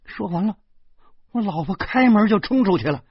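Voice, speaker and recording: A man reading a first-person audiobook in a dramatic, animated storytelling style, on a dull, dry recording. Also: high voice, normal speed, husky, dry recording. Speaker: audiobook reader.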